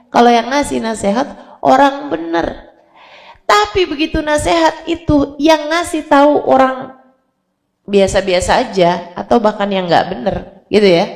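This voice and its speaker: A woman Islamic preacher, giving an emphatic, lively sermon. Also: high voice, creaky.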